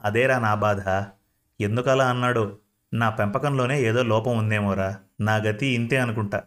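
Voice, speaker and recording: A man's voice: on the low side, fairly even intonation, normal speed, close to an everyday voice. A man voicing an anxious, loyal middle-aged friend in a storybook reading, talking earnestly and pleadingly. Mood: earnest, worried.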